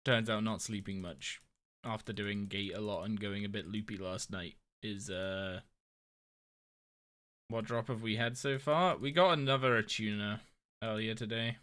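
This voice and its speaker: A man's voice: lowish voice, a little slow, fairly bright tone. A tired, yawning young man chatting casually on a live game stream, rambling and thinking aloud as he plays. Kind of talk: casual live-stream chat while playing.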